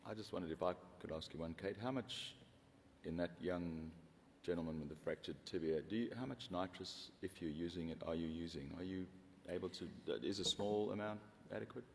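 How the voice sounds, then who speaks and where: A man's voice: low-pitched, a little fast. A man chairing a conference session, moderating informally in a polite, somewhat hesitant way. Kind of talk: informal moderating and introducing speakers. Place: conference hall without audience microphone. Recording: echoey hall, faint background noise.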